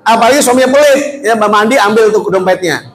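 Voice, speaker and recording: Lively preacher. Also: male voice, high-pitched, quick pace. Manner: lively, jokey, shifts between soft and shouting. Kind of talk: humorous storytelling sermon. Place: mosque.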